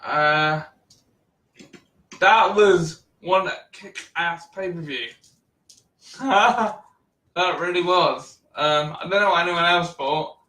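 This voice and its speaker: Guy hosting a wrestling chat, slow and bright, echoey room, mic a bit far off. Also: fairly high pitch. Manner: chatty, laughs often, relaxed. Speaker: podcast host. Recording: roomy echo, distant mic.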